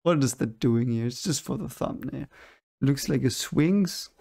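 With a desk microphone in front of him in his home room, a young adult host casually reacts to clips, skeptically dismissing them as fake and sometimes hunting for the right word. He speaks at a moderate pace in a mid-range voice that is darkish and marked by vocal fry.

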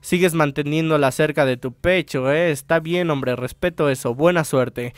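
A man voicing a paranoid young visual-novel conspiracy nut, smooth voice a bit high, dry close sound. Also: normal speed, dry recording, natural voice. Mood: approving.

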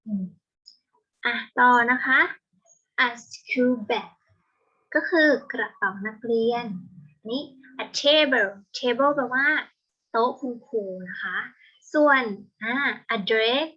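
A young woman teaching an English vocabulary lesson, explaining patiently step by step and slowing down on each English word. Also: a little high, pushed and bright. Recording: dull lo-fi home recording.

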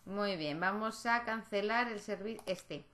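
With crowd noise behind her, a woman gaming YouTuber speaks in a mid-range voice at a measured pace. Her let's-play commentary is casual and chatty; she talks to the characters in her game and checks in with viewers using frequent tag questions.

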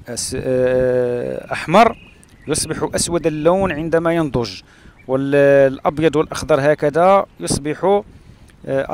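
A man from Morocco narrating his travels along a rural road and through a palm oasis, pausing often with "uh" fillers. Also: a little high, vocal fry. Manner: hesitant, with frequent "uh" fillers and pauses. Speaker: travel vlogger.

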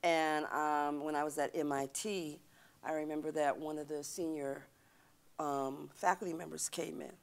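Gravelly-voiced woman guest, emphatic. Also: low-pitched, moderate pace. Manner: emphatic, animated storytelling with hand gestures. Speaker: guest speaker, professor. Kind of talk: church ministry interview. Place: church TV studio set, seated on stage. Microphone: lapel.

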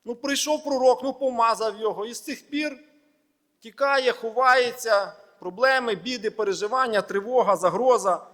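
Male pastor, high voice, sermon delivery with emphatic lists, long hall reverb. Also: a bit bright. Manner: measured preaching in short phrases, with emphatic lists. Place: church hall.

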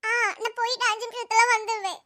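Cartoon little girl, very high squeaky voice, bright and crisp, close dry mic, whiny and pleading, done by a voice actor. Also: flat delivery, fast, dry recording. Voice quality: high, pitch-shifted childlike voice. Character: young girl, restless and chatty. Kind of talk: cartoon voice acting.

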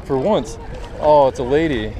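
A young man giving casual, excitable fishing commentary in slangy, exclamatory phrases. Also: mid-range voice, normal speed. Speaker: fishing vlogger. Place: outdoors on a rocky jetty by the water. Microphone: action camera worn on the body. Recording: noisy outdoor action camera by water.

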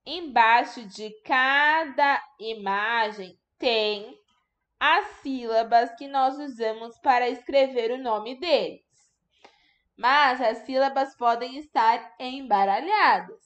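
A woman teacher with a high voice speaks slowly to small children, stretching out each syllable for them to hear. She is patient and encouraging throughout. The sound is dull and lo-fi, like a home video recording. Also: a bit bright. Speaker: primary school teacher. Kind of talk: recorded remote lesson for young children.

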